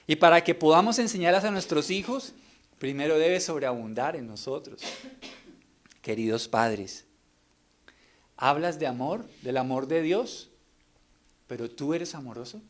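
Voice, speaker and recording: A middle-aged man preaching an earnest sermon, pressing the congregation with rhetorical questions. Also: fairly high pitch.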